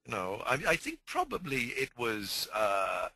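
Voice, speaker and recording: A man's voice: medium pitch, huge pitch swings, a little slow, vocal fry, bright, forceful tone, slightly rough, dry recording, low-quality recording. A man, a communication trainer, explaining his ideas conversationally in an interview and often repeating words as he searches for the phrase.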